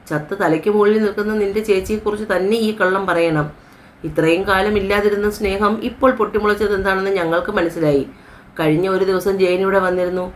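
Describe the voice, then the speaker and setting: A woman's voice: medium pitch, a little hiss or hum, lightly acted. A woman voicing a stern, angry middle-aged father who scolds his daughter in a story. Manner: harsh scolding.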